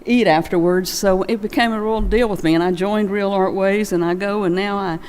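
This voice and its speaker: An older woman, a friend giving a remembrance at a memorial gathering in a large church, tells informal, folksy anecdotes. Her mid-range voice is steady and a little mellow at a normal speed, with slight background noise and the long echo of the big church hall.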